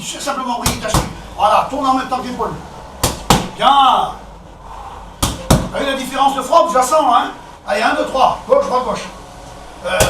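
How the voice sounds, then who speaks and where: A man with a French accent coaching a boxing session, counting out combinations and calling out punches in short, brisk commands. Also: very high voice. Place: echoey boxing gym. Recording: echoey gym, distant camera, background noise.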